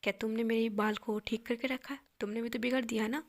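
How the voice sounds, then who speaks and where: A woman voicing a stern, quick-tempered young man, speaking his lines in a half whisper. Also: a little high, steady tone, close to an everyday voice. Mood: irritated.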